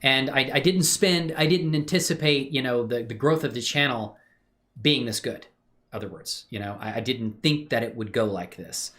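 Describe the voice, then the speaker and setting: At her computer indoors, a live streamer running her own channel chats casually with viewers, friendly and exclamatory. She speaks at a moderate pace in a low, rumbling voice with a slightly bright quality.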